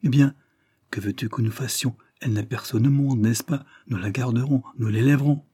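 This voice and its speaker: A man's voice: mid-range voice, steady tone, fairly quick, dark tone, slightly rough, no echo, lightly acted. A man voicing an anxious, grieving middle-aged husband in a storybook reading, speaking earnestly. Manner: earnest, emotional.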